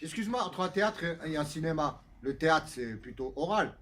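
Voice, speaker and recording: A man's voice: a little high, animated, brisk, fairly bright tone. A French man taking part in a café discussion, eager and argumentative. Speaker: participant. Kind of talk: casual group discussion.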